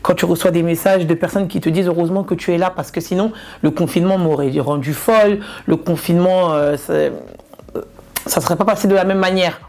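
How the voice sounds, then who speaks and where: A woman's voice: lowish voice, steady tone, fairly quick, a little mellow. A woman from Ivory Coast, a comedian and influencer, chatting casually in an interview and repeating words for emphasis.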